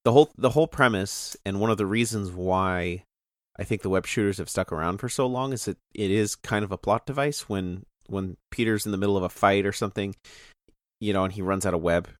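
Man co-host with a lowish voice who rambles excitedly and cuts himself off, on a dry close mic. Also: a little fast, no room sound. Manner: rambling, animated, self-interrupting. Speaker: podcast co-host. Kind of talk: casual movie discussion.

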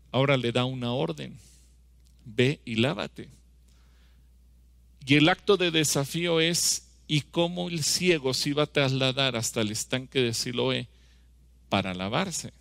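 A male preacher delivers an emphatic sermon in a gravelly, forceful voice. He acts out scripture dialogue and keeps asking his listeners rhetorical questions. The sound is dry and close, with no room echo. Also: mid-range voice. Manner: asks the congregation rhetorical questions.

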